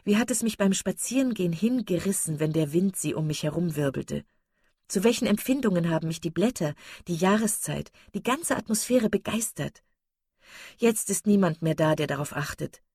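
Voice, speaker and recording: A woman's voice: very animated, moderate pace, a little mellow, husky, no room sound, studio quality, full character voice. A woman reading an audiobook voices a passionate, dreamy young woman who gushes and exclaims. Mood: rapturous. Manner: gushing, exclamatory, rising high. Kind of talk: audiobook character voice.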